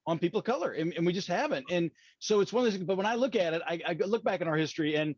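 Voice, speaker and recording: Fast, high-voiced Appalachian man. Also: expressive, no echo. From West Virginia, USA. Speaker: podcast host. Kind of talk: conversational interview. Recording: dull, muffled lo-fi audio.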